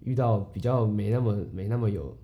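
A man's voice: lowish voice, fairly quick, narrow, tinny audio. A young man with a Taiwanese Mandarin accent, telling a story in a casual podcast chat as host. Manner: rambling, animated storyteller.

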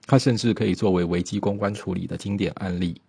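Male narrator, husky, gravelly, steady documentary storytelling. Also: sits low, quick pace, dry recording. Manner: steady storytelling with small slips.

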